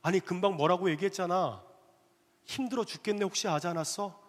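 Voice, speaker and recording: A man's voice: high-pitched, a little fast, voice pushed up, natural voice. A man voicing his annoyed wife, who sharply questions her husband, in a sermon story. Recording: long reverb of a church hall.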